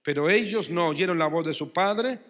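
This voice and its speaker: A man's voice: fairly high pitch, moderate pace, fairly bright tone, long reverb tail. A man preaching a sermon as pastor with an Argentine Spanish accent, acting out quotes and building emphasis. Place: church hall.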